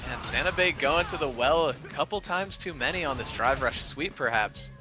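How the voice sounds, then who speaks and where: A man doing enthusiastic play-by-play for a fighting game tournament, with loud bursts of hype. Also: fairly high pitch, expressive, moderate pace, music in the background. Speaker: tournament commentator. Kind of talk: esports commentary.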